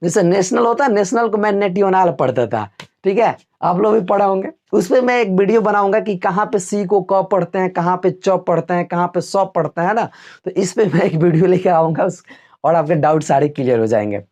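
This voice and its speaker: A man's voice: sits high, fairly quick. Chatty male teacher quizzing his class. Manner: chatty, asks the class a question and answers it himself; homely everyday comparisons, relaxed teacherly tone. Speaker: English teacher. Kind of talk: classroom-style video lesson.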